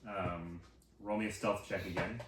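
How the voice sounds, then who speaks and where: A man narrating as game master in a slow, halting way with many pauses and fillers. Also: low-pitched, steady tone. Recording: roomy, distant mic with faint hiss.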